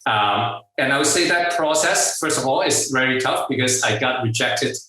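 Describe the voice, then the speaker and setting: A middle-aged guest entrepreneur, Hong Kong accent, shares stories in a laid-back interview with a bright, forward, expressive voice at medium pitch. He hesitates, restarts, leans on fillers, and laughs often. The room echoes strongly, and he's seated away from the mic.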